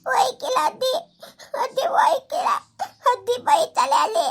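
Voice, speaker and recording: A woman's voice: extremely high pitch, very animated, normal speed, voice pushed up. A woman doing a giggly little village girl. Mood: playful. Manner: giggly, sing-song and drawn out.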